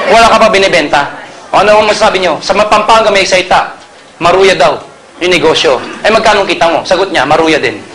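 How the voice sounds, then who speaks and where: A man from the Philippines giving a joking sales seminar to a live audience, telling stories and quizzing the crowd. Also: high voice. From Pangasinan, Philippines. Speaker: marketing presenter. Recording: noisy hall with a reacting crowd.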